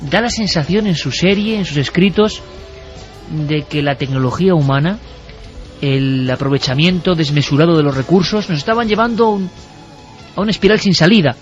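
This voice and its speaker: A man's voice: a little high, a little fast. A man hosting a radio talk show, speaking in a reflective, lyrical way to his listeners. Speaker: radio host. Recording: dull radio audio with faint music.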